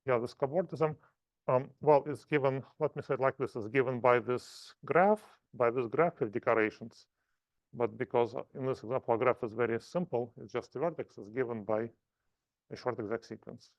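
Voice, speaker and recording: A man giving a math seminar lecture, explaining in halting, self-correcting phrases. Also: mid-range voice, dry recording, dull audio.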